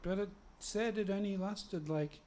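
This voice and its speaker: A game master voicing a nervous young male spellcaster who speaks hesitantly, halting with fillers. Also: medium pitch, darkish tone, slight background noise, pitched above the performer's own voice, lightly acted. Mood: defensive.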